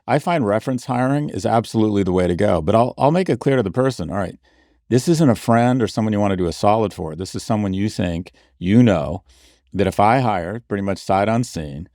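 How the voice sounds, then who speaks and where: A deep-voiced middle-aged man talks bluntly and wryly into a close mic, poking fun at himself as he answers a listener question. The recording is dry, with no room sound. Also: a little mellow, no room sound. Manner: blunt, wry and self-mocking. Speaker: podcast host. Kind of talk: casual podcast advice and ad read.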